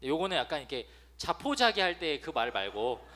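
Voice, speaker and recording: A man in his thirties preaching to teenagers in a lively sermon, acting out nagging parents with sudden loud outbursts. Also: high-pitched, a little fast. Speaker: preacher to a youth congregation. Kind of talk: lively sermon with acted-out quotes.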